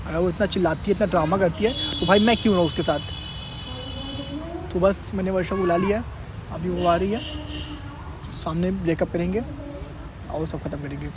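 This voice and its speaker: A man's voice: high voice, a little fast, long pauses, background noise. A young man hosting a prank vlog, talking casually to viewers and then arguing with his girlfriend in an exasperated, repetitive way. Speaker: prank video host. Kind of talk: casual vlog and staged argument.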